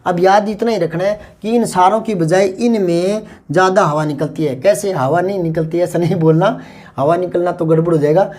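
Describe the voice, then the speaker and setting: A man's voice: sits high, steady tone, moderate pace, darkish tone. A man teaching grammar in an exam-prep lesson. He explains patiently, repeats key terms and asks rhetorical questions.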